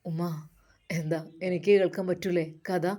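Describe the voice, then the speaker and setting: A woman's voice: medium pitch, moderate pace, mellow, close to an everyday voice. Woman voicing a stern, disapproving grown son. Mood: insistent.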